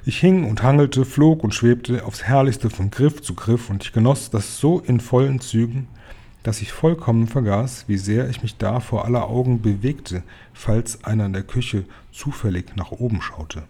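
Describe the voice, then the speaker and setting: A man reading an audiobook aloud as a lively, animated storyteller. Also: medium pitch, normal speed. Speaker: audiobook reader. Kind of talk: scripted audiobook narration.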